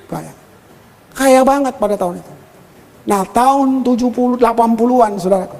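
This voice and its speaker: An older male pastor preaching a sermon and telling stories from his own life in an animated way, often turning to the congregation. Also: extremely high pitch, normal speed, creaky. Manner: animated storyteller, often addresses the congregation as brothers and sisters. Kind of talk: sermon with personal storytelling. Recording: long hall reverb.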